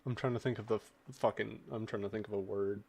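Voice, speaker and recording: A man's voice: lowish voice, fairly even intonation, fast, gravelly, a little mellow, husky. A man playing a tabletop game who talks in a hesitant, casual way. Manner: hesitant, filler-heavy. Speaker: player.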